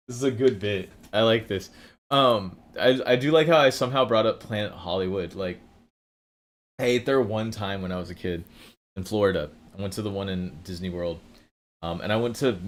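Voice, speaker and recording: A man with a somewhat low voice talks loosely on his own livestream from home, drifting from one thought to the next. He swears freely and laughs often as he goes. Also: slight background noise. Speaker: livestream host. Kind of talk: rambling casual livestream chat.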